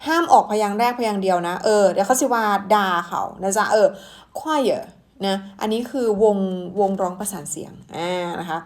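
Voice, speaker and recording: A woman's voice: medium pitch, darkish tone. A young woman teaching English pronunciation in a casual, playful lesson, drawing out her explanations. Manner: slow, playful, drawn-out explanations with fillers.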